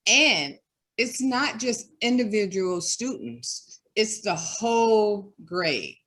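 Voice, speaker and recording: A woman's voice: medium pitch, expressive, slow pace, a bit bright. A woman speaking as a guest on a live online event, earnest and heartfelt. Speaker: development director. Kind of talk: interview guest.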